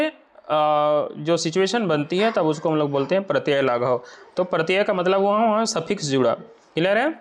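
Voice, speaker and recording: A man teaching an exam-prep lesson, explaining step by step and often asking whether the point is clear. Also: fairly high pitch. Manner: explains slowly, checks understanding with rhetorical questions.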